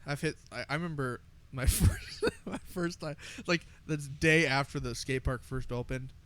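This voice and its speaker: Telling stories and chatting as a podcast co-host, this young American man has a fairly bright, mid-range voice and a moderate pace. His manner is boisterous, sweary and very frat-bro.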